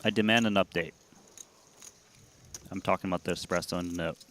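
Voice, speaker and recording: Male co-commentator for poker, lowish pitch, casual mock-serious banter, faint noise behind. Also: steady tone, fairly quick, a bit bright. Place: commentary booth.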